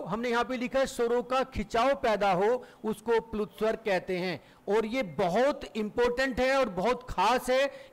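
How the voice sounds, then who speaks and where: A man's voice: very high voice, a bit bright. A middle-aged male Hindi teacher giving a classroom lecture, asking the class questions and answering them himself, and stretching vowels to demonstrate.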